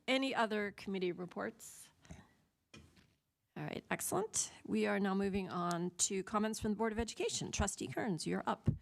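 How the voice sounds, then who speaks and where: A woman chairing a school board meeting, upbeat and brisk as she calls on each trustee. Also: mid-range voice, gravelly.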